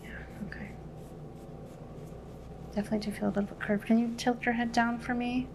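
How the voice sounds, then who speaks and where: A soft-spoken woman in an ASMR medical exam, acting as examiner and calmly explaining each step with gentle instructions. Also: a little high, rapid-fire, noisy background.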